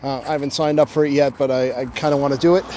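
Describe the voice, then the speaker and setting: A man talking casually while riding his bicycle outdoors on a road, relaxed and chatty with lots of fillers, a little out of breath. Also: mid-range voice, racing. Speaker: cycling vlogger. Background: passing traffic.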